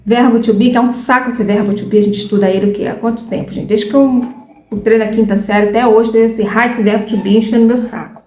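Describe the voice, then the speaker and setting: A Brazilian woman in her thirties, talking casually and frankly to her viewers with a Brazilian accent. Her voice sits a little high. The room gives a roomy echo. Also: fairly even intonation, fast, a little mellow. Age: 30s. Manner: chatty, frank, loses her train of thought. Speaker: vlogger learning English.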